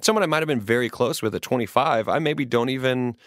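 A man's voice: medium pitch, fast talker, dry recording. Thirtysomething guy giving advice on a podcast, earnest and rambly, keeps restarting, dead dry mic. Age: 30s. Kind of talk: casual advice chat.

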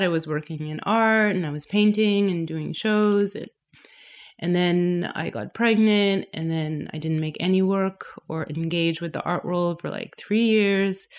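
A woman from Canada, a painter, talking casually in an interview and laughing often. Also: fairly low pitch. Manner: laughs often, relaxed and chatty. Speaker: guest painter.

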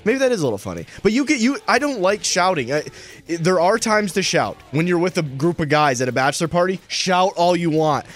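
A young man co-hosts a sports radio show, rambling through easygoing, laid-back banter. His voice sits high and is expressive and brisk, captured on a studio mic with headphones.

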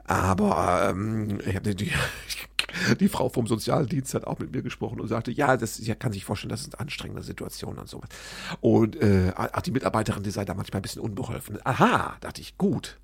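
A man casually telling a story to his listeners, animated and self-deprecating, acting out both sides of the dialogue. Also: on the low side, a little fast, vocal fry, slightly rough, no room sound, studio quality.

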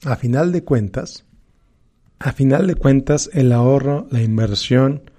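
Male financial presenter, Mexican accent. Soft-edged, relaxed tone, mid pitch, emphatic advisory delivery with repeated key phrases. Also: measured pace. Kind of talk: motivational personal finance talk.

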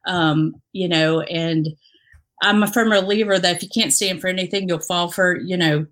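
A woman's voice: on the low side, fairly even intonation, moderate pace, a bit bright. A woman who grew up in the Dominican Republic, speaking as an interview guest about her past career as a police officer, earnest and reflective, with lots of fillers and restarts. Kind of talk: candid conversational interview.

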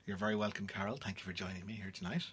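A man's voice: lowish voice, steady tone, very fast, fairly bright tone, breathy edge. An Irish man hosting a radio trivia quiz from a studio, introducing and moving things along in presenter style. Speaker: quiz show host.

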